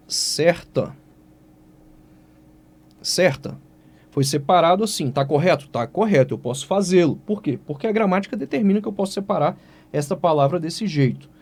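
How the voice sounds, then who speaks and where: Man, Brazilian Portuguese accent, teacher, exam-prep writing lesson, lively, answers his own questions, fairly high voice.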